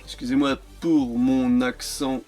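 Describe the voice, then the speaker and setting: A man's voice: mid-range voice, level tone, slow pace, dark tone, soft background music. A man chatting casually while unboxing and reviewing his die-cast toy cars, hesitant and full of repeated words. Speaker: toy car collector vlogger.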